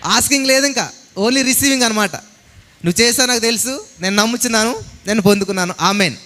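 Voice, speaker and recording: Man, high-pitched, preaching, animated, acts out dialogue, echoing church hall. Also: fast talker. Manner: animated, mixes English words, acts out quoted dialogue. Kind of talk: sermon. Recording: long hall reverb.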